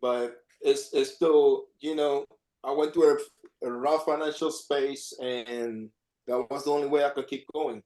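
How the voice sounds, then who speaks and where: A man's voice: medium pitch, fairly even intonation, a little slow, darkish tone. A man, an artist, chatting casually and rambling on a video call, often repeating himself. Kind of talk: casual chat.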